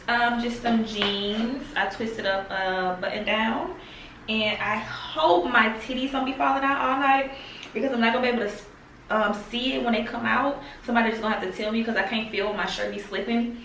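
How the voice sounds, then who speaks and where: A woman's voice: fairly high pitch, bright, forceful tone. A young woman, talking candidly to camera in a casual vlog, swearing freely and drawing out her words. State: talking with a lozenge in her mouth. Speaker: vlogger. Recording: roomy and distant with faint noise.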